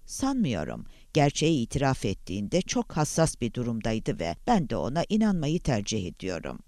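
A man's voice: mid-range voice, moderate pace, no room sound, clean studio sound. A man reading as a smug, menacing kidnapper. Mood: taunting. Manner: calm, taunting, formal. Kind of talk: audiobook character voice.

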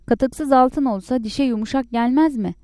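A woman voicing a furious, sharp-tongued poor peasant wife who scolds loudly in a raised, shrill voice. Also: moderate pace, no echo, clean studio sound. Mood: scornful.

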